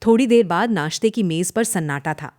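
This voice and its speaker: Lively woman narrating a cartoon story. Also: mid-range voice, a little fast, no room sound, clean studio sound. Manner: dramatic storytelling.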